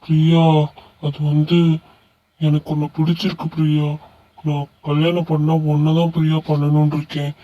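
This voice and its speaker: A timid young cartoon man, as a man voices him, lovestruck and pleading. His voice is a little high, and he speaks hesitantly. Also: completely flat delivery, moderate pace, warm tone, dull audio, close to an everyday voice. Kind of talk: animated story voice acting.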